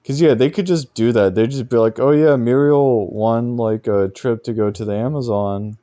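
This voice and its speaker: A man with a low, mellow voice co-hosts a cartoon review podcast. His talk is loose and joking, full of fillers. The sound is dry and close. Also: normal speed, dry recording. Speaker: podcast co-host. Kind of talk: casual chat.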